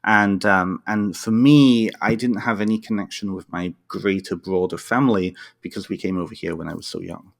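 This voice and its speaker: A man with a very low voice, from North Wales, answering interview questions from his home. His delivery is thoughtful and unhurried, full of small restarts and fillers as he works toward each point. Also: steady tone, vocal fry. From North Wales, United Kingdom. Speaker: podcast guest, therapist and author. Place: home, dog barking at times.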